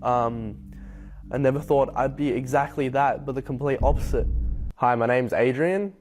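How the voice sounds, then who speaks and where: A young man from Hong Kong telling his personal story to camera, reflective and unhurried, with frequent ums. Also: mid-range voice, a little mellow, slight background noise. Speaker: convert sharing his story. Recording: faint music bed behind voice.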